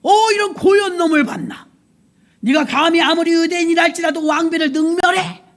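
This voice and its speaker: A woman's voice: extremely high pitch, brisk, pitched above the performer's own voice. A woman preacher voicing an enraged ancient king who bellows royal orders. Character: furious ancient male king, commanding.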